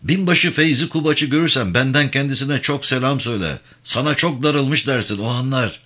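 A man's voice: mid-range voice, moderate pace, bright, forceful tone, pitched above the performer's own voice. A man voicing a simple-minded, boastful rural militia commander who talks in an earnest, pleading way. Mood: eager.

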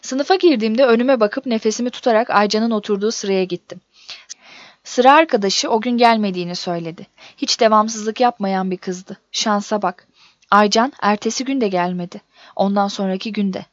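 A woman reading a first-person story aloud in a steady, measured audiobook narration. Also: mid-range voice, no room sound. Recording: dull dry recording.

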